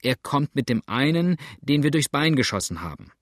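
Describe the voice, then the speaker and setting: A man voicing a gruff, flustered old backwoods farmer who grumbles and blurts things out. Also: medium pitch, big pitch swings, moderate pace, no room sound, studio quality, voice pushed up. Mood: flustered grumbling. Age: older. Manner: grumbling, rattled, loud outbursts.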